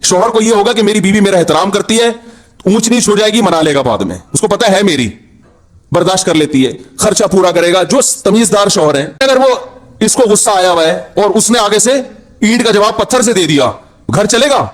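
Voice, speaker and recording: Guy with giving a sermon, fairly high voice, keeps firing questions at the crowd. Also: lively intonation. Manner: scolding, rhetorical questions to the audience. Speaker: Islamic preacher.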